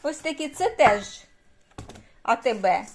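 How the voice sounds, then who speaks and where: A woman's voice: a little high, expressive, slow, slight background noise. A retired woman in her sixties from Ukraine, chatting casually in a vlog and cooing baby talk to a toddler on an evening walk outdoors. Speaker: retired vlogger, great-grandmother.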